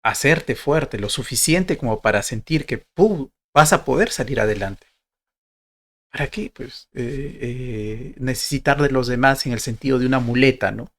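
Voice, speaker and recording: Man, motivational talk, conversational, rhetorical questions, average pitch. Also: measured pace, fairly bright tone. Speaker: motivational speaker for university applicants.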